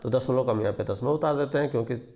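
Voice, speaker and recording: A man's voice: medium pitch, racing, a little mellow. A man teaching basic arithmetic step by step, patiently repeating each rule and quizzing before answering. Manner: patient, repetitive, walks through each digit and asks questions before answering. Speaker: math teacher. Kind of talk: explaining an arithmetic lesson step by step.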